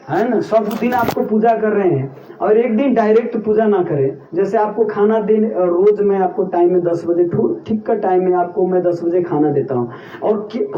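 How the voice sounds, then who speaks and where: High-pitched male preacher, chatty sermon storyteller, distant mic, dull sound. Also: mellow, roomy sound. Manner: homely, chatty retelling with everyday examples; recites Sanskrit verses slowly.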